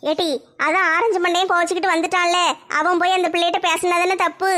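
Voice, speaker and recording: A woman, acting out a comic family skit in fast, chatty banter. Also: very high voice, little pitch movement, pushed and bright.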